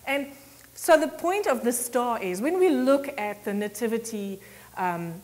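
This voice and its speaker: A woman's voice: fairly high pitch, measured pace. Chatty woman pastor in an echoing hall. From South Africa. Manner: chatty, laughs often, animated quoting. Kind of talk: conversational sermon with storytelling. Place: church sanctuary.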